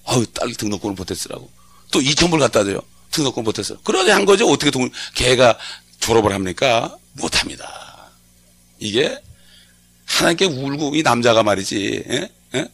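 Gravelly-voiced pastor preaching conversationally. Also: male voice, medium pitch, big pitch swings, normal speed, a bit bright. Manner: conversational preaching with frequent call-and-response questions. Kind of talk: sermon.

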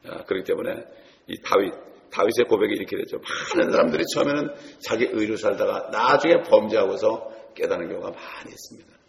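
Gravelly-voiced preacher in an echoing hall. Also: male voice, fairly low pitch, quick pace, slight background noise. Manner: storytelling, addresses congregation directly. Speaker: pastor. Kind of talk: sermon.

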